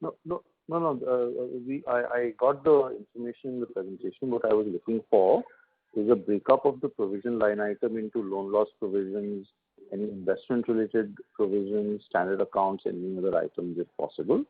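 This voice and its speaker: Analyst on a rough phone line. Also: male voice, lowish voice, steady tone, a little fast. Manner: stammering starts, persistent clarifying. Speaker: analyst asking questions. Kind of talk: question and answer on a conference call.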